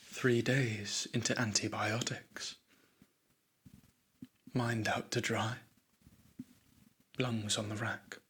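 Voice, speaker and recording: A man speaking softly in a silly, rambling way for an ASMR video, reading out his own odd writings. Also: medium pitch, a little hiss or hum. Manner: silly, rambling, self-amused. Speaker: ASMR creator.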